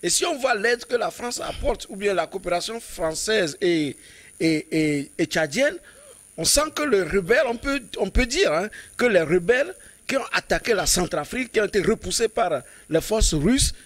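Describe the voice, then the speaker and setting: A man's voice: high-pitched, lively intonation, normal speed, fairly bright tone. A man on a studio political panel who jumps in and argues with pointed rhetorical questions. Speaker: debate panelist.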